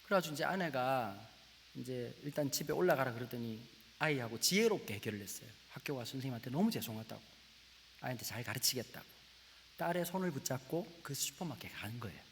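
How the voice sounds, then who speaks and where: Man, 40s, pastor preaching, animated storytelling, gravelly voice, long church reverb. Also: medium pitch, quick pace. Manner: animated, acts out family dialogue, drops to whispers. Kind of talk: sermon with storytelling. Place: church sanctuary. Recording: echoey church hall with faint hiss.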